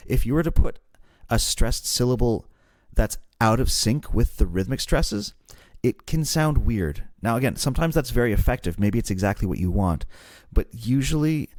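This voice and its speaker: A man's voice: mid-range voice, lively intonation, normal speed, hardly any pauses, darkish tone, no echo, clean studio sound. A man co-hosting a podcast, explaining songwriting in a casual, self-deprecating way. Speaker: podcast co-host.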